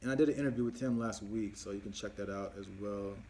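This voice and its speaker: A man's voice: fairly low pitch, fast, warm tone, a little hiss or hum. Rambling man hosting a live Q&A. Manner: rambling, with many fillers and restarts; answers viewer questions as they come in. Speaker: host of a live viewer Q&A. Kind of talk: casual live-stream chat.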